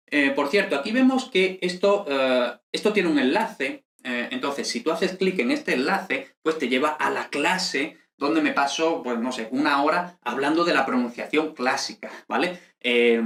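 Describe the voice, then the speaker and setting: A man, teaching an online Latin lesson in a lively, conversational way, full of fillers and checking questions. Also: mid-range voice, roomy sound. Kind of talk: online lesson explaining over slides.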